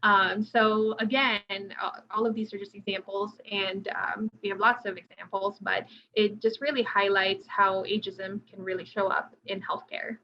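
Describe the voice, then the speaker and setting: A woman's voice: medium pitch, level tone, moderate pace, hardly any pauses. Woman clinician presenting a webinar, loose conversational delivery full of fillers, lo-fi audio. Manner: conversational, many fillers and restarts. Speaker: occupational therapist presenting a webinar. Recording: dull lo-fi audio, faint noise.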